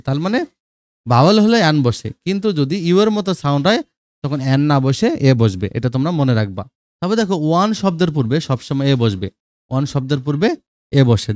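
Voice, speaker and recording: In studio-quality audio with no echo, a man with a medium-pitched, slightly mellow voice leads a grammar lesson. He reads English examples aloud slowly and keeps asking his students "okay?"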